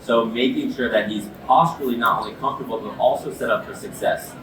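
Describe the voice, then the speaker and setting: A man's voice: mid-range voice, fast, a bit bright. A man giving an explanatory product demo as an expert, speaking in an earnest, emphatic way. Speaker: ice bath expert and product demonstrator with sports medicine background. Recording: echoey, distant mic, noisy background.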